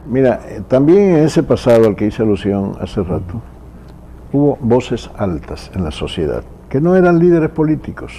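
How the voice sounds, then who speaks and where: A man hosting a political TV interview, speaking in a reflective, measured way. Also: medium pitch, sing-song, warm tone, slight background noise. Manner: reflective, measured, asks long questions.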